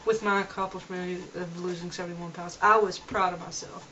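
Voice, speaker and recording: A young woman with a lowish, sharp-toned voice speaks at normal speed and fairly even intonation in a casual vlog, earnest but rambling and restarting sentences. Recorded at home on a camera mic, the dull lo-fi audio has slight background noise.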